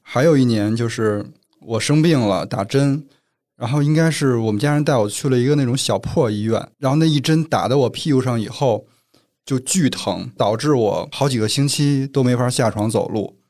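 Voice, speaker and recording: A man's voice: medium pitch, moderate pace, darkish tone. A man from northern China, co-hosting a casual chat and telling stories at length. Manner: storytelling, explains at length. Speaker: podcast co-host.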